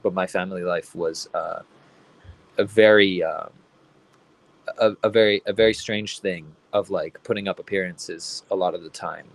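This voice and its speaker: A man's voice: low-pitched, steady tone, normal speed. A young man from Venezuela, an artist talking about his work in a casual interview, rambling with many restarts and fillers. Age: young adult. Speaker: artist guest.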